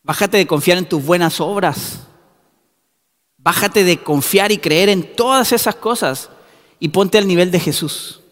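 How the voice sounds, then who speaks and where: A man's voice: high voice, a little slow, big-room sound. A man preaching a sermon in a church, building up to emphatic repeated calls. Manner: rising to emphatic shouted repetitions.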